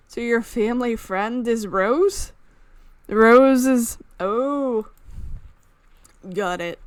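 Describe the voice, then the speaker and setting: With music playing in the background and no echo, a let's player reads a visual novel aloud. Her mid-range voice narrates dramatically, with casual asides tucked in.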